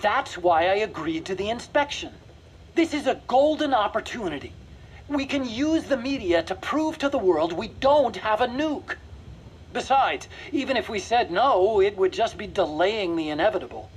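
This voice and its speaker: An actor playing an eager, reassuring engineer in a video game, talking persuasively with small hesitations. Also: male voice, high voice, lively intonation, moderate pace, a little hiss or hum, low-quality recording. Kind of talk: video game voice acting, mission briefing dialogue.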